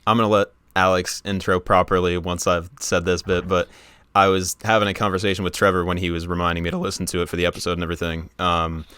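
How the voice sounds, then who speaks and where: A young man co-hosting a podcast, chatting in a relaxed, rambling way full of fillers. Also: low voice, fast, hardly any pauses, smooth, no echo. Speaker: podcast co-host. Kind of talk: casual chat.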